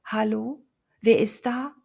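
A terrified young woman cries out into the dark in a high, trembling voice, as a woman reader acts her out. The voice carries a husky, gravelly grain. She sounds shaken by what has happened. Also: fairly even intonation, takes it slowly, exaggerated voice. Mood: frightened. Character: frightened young woman after a failed ritual.

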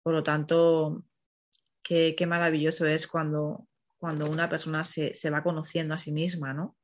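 A woman with a Spain Spanish accent hosts a parenting program in a casual spoken monologue, her low voice moving little in pitch at a normal speed. She talks in a chatty, rambling way, often ending sentences with a questioning "no?". The recording sounds slightly muffled.

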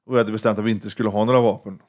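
A man's voice: fairly low pitch, fairly even intonation, darkish tone. A man from western Sweden telling a story in a casual interview, blunt and swearing freely, acting out the voices he quotes. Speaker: interview guest.

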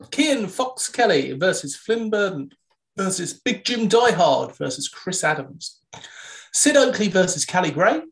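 A woman co-hosting a podcast, briskly reading match lists with dry jokes in a casual news roundup. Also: fairly low pitch, sing-song. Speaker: podcast co-host.

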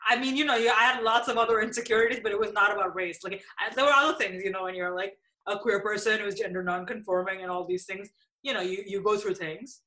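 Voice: mid-range voice, fairly even intonation, fast talker, pushed and bright, poor audio. A host from India, chatting casually, hesitant with frequent restarts. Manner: hesitant, many restarts and fillers, laughs easily. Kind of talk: casual conversation.

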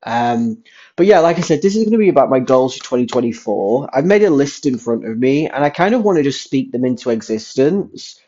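A young British man with a cold, hoarse with a rough smoker's rasp, giving a chatty, rambling solo update and repeating words for emphasis. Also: medium pitch, big pitch swings, brisk, few pauses, warm tone. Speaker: podcast host and YouTuber. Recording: dull lo-fi sound.

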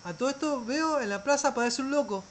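A man's voice: very high voice, fast, slight background noise, poor audio. A man tells travel stories casually, rambling, often restarting words and trailing off. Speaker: traveler telling a story.

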